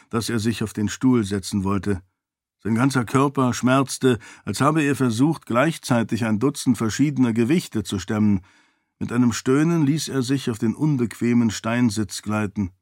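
A man narrating an audiobook in a measured, even reading style. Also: mid-range voice, no room sound, clean studio sound. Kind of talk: scripted narration.

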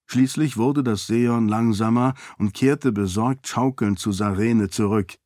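A man narrating a novel as an audiobook in a calm, even storytelling manner. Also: on the low side, a little slow, no echo, clean studio sound. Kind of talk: scripted narration.

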